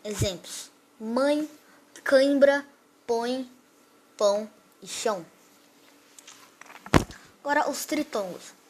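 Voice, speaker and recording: A woman presenting a grammar lesson, reading definitions aloud and slowly listing example words one by one. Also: a little high, a little mellow, slightly rough. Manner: reads definitions and word lists slowly, one example at a time.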